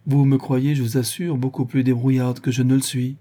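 A man voicing a wistful aristocratic woman in love, speaking softly with a sad irony. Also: mid-range voice, level tone, a little fast, natural voice. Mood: stunned, wry.

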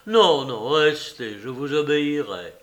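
A man's voice: a little high, animated, unhurried. A man reading aloud and voicing a feverish young man in love who eagerly pleads with her. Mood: pleading. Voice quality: eager, breathless. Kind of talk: audiobook character voice.

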